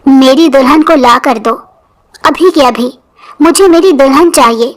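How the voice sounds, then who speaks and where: A woman's voice: sits high, lightly acted. A woman voicing a grown man who acts like a clingy, stubborn child, with a whiny and innocent way of talking. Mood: demanding.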